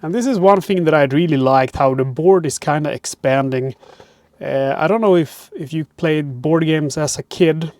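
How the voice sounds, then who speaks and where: A board game channel host from Sweden, with a Swedish accent and a slightly high, somewhat mellow voice at normal speed, does a chatty, rambling unboxing peppered with "uh" fillers. He's on a wireless clip-on mic in a cramped RV parked by a harbor, and there's no room sound.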